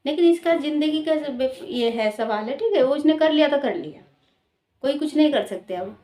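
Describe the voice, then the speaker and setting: A woman's voice: sits high, expressive, moderate pace, dark tone. A woman vlogger speaking straight to her viewers in an admonishing way, repeating her points and tagging them with questions. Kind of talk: direct-to-camera opinion vlog. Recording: roomy echoey room.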